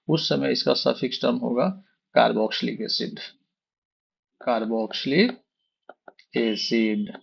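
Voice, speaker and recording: A man's voice: mid-range voice, vocal fry, slightly rough. A man teaching a chemistry lesson, often putting questions to the class and answering them himself while repeating the key terms. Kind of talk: explaining a lesson. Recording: dull lo-fi recording.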